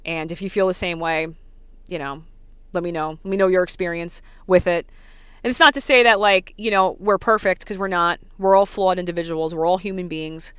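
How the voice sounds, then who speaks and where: A woman in her thirties with a New York accent, ranting casually to her vlog audience, talking fast and packing her speech with "like" and "you know.". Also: on the low side, fairly bright tone, clean tone, no room sound. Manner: fast, filler-heavy talk with many "like"s and "you know"s. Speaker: vlogger. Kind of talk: casual rant to camera.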